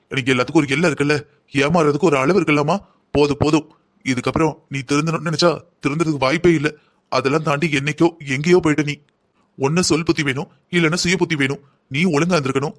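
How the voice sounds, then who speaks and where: Cartoon dad, middle-aged, stern and bitter, quick talker, lifted pitch, man voicing. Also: natural voice. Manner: lecturing, bitter. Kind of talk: Tamil cartoon voice acting.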